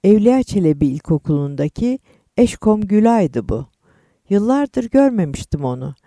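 A man in his fifties calmly reading a first-person story aloud. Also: high voice, no echo, clean studio sound. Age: 50s. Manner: calm, measured storytelling. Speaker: narrator.

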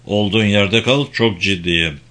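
A man's voice: lowish voice, measured pace, a bit bright. A man voicing a firm, level-headed commander in an audiobook who insists his friend stay put.

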